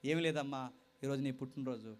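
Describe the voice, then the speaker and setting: Man voicing a gentle middle-aged father, tender, soft, pleading. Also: medium pitch, fairly even intonation, fast talker, close to an everyday voice. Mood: tender, worried.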